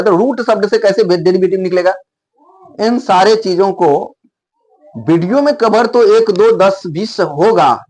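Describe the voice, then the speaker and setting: High-voiced man teaching word origins. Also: darkish tone. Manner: explains step by step, repeats words to model pronunciation. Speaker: English teacher. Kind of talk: explanatory video lesson.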